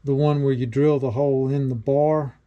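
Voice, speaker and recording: In a cluttered home workshop, a middle-aged DIY maker explains his homemade build in a casual, plainspoken how-to packed with fillers. He has a mid-range voice with little pitch movement and talks at a normal speed, while the audio has its highs cut off.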